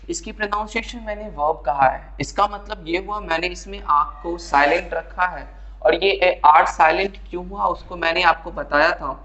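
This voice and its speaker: High-voiced male tutor in an echoey room. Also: pushed and bright, muffled recording. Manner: chatty teacher addressing students as friends. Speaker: English tutor. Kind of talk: casual classroom explanation.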